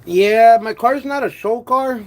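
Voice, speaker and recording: A man with a slurred, wet lisp from missing front teeth, chatting casually and haltingly in slangy speech as a car vlogger. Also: extremely high pitch. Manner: halting, stammered repetitions with pauses to manage saliva; slangy, uses "homie" and "dog", drops in Spanish words. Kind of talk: casual livestream chat about car work.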